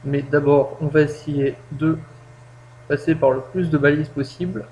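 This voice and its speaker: Casting note: man, somewhat high voice, chatty self-mocking game tutorial host, low-quality home mic with faint hum. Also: flat delivery, unhurried, dark tone. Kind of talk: casual gameplay tutorial.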